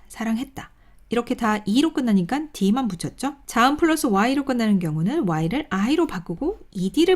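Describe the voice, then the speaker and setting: A woman giving a recorded English grammar lesson, explaining step by step and reading word pairs slowly. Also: mid-range voice, darkish tone. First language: Korean.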